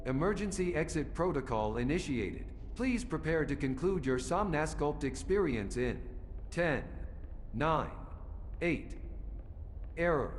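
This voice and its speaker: A man's voice: a little high, animated, a little slow. A man voicing a glitching automated exit-system computer that counts down and then breaks off into error reports. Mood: malfunctioning. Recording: long hall reverb with faint game music.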